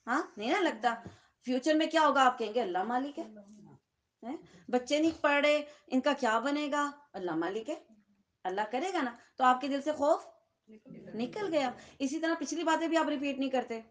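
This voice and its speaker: A woman with a Pakistani Urdu accent teaches a Quran lesson in a room with listeners. Her voice sits a little high, and she keeps the talk conversational, often stopping to ask her audience short checking questions. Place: lecture room with seated listeners.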